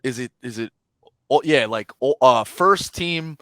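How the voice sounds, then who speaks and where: Male sports podcast co-host, lively storyteller who slips into impressions, dry close mic. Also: mid-range voice, unhurried, dry recording. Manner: animated storyteller, mimics people mid-story. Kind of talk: casual sports chat.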